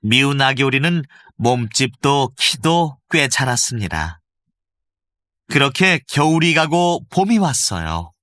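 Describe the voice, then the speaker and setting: Telling a children's fairy tale slowly in a mid-range voice, this male voice actor is gentle and expressive. He's recorded close and dry in a studio.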